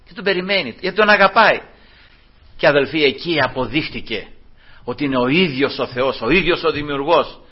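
A man's voice: fairly high pitch, animated, breathy edge. A man preaching a sermon, addressing his brothers, acting out the dialogue of the people he tells about and chuckling often. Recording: dull lo-fi recording.

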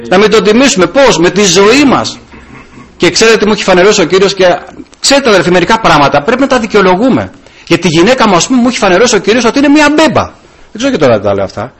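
A middle-aged man, a deacon, giving an informal sermon full of personal stories, acting out the dialogue. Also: sits high. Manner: animated storytelling, acting out dialogue. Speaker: deacon preaching.

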